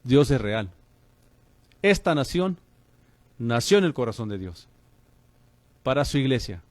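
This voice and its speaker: A man's voice: mid-range voice, big pitch swings, measured pace, dry recording. A man preaching on the radio as a pastor and host, fervent and calling listeners brother.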